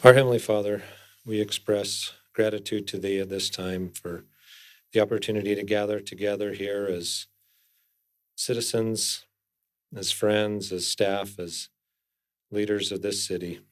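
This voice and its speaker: A man's voice: on the low side, fairly even intonation. A city council member, a man, offers a solemn formal prayer into a podium microphone in a council chamber. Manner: solemn, measured, reverent wording.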